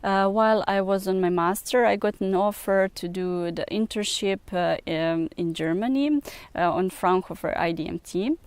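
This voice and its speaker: A young woman from Serbia with a Serbian accent, a researcher speaking in an interview, pausing often with many filler sounds. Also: medium pitch, a little mellow, clear, resonant tone, no room sound. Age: young adult. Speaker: researcher and PhD student. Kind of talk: recruitment video interview.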